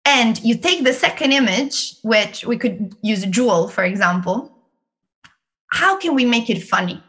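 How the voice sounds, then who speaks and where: A woman with an Italian accent, a guest in an interview, explaining learning techniques in a lively way and laughing often. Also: on the high side, moderate pace. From Italy. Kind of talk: interview conversation.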